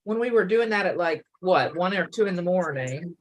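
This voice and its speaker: Playful female co-host, lowish voice with a lively range, casual sewing chat. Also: moderate pace, rough recording. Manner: playful, laughs easily, makes silly sound effects.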